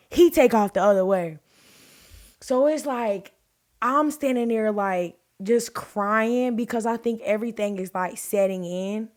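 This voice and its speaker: A young woman, telling a story casually on her vlog, full of fillers and acting out the voices in her story. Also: medium pitch. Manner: animated, many fillers, acts out quotes in a raised voice. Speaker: vlogger.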